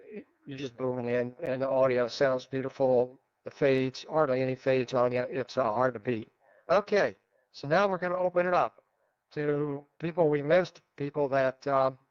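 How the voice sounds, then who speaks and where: A man's voice: medium pitch, smooth, dry recording. A man running an amateur radio net, heard over a radio transmission, talking in an easygoing, rambling way. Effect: heard over a ham radio transmission. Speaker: net control operator. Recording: dull, lo-fi radio audio.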